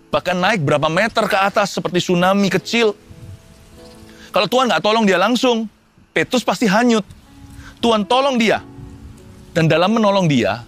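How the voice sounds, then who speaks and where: A man preaching a sermon, lively, with sudden rises in pitch and humorous asides. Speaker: pastor.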